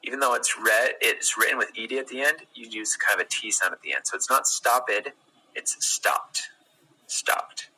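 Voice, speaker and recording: A man with an American accent giving a relaxed pronunciation lesson, repeating words slowly and drawing out each sound. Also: medium pitch, slightly rough, poor audio. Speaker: pronunciation teacher.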